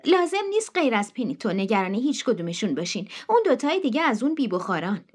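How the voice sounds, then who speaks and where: A woman voicing Helen, a blunt, bossy woman who talks briskly. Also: fairly high pitch, big pitch swings.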